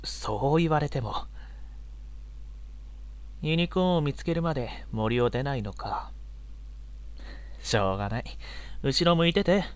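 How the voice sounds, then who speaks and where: A man playing a gentle, easily exasperated young male unicorn in an audio drama role-play, with a polite, boyish, flustered manner. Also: medium pitch, close to an everyday voice. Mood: resigned, weary.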